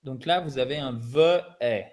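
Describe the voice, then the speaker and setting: A man's voice: medium pitch, normal speed, darkish tone. French man teaching English pronunciation. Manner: chatty, joking, explains step by step. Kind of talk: bilingual language lesson.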